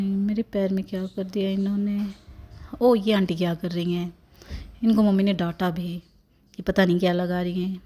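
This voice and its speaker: Sassy baby-girl narrator played by a woman, warm mid-pitched voice, playful and teasing. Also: close to an everyday voice. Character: sassy newborn baby girl, cheeky and complaining. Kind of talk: voice-over narration of a family vlog.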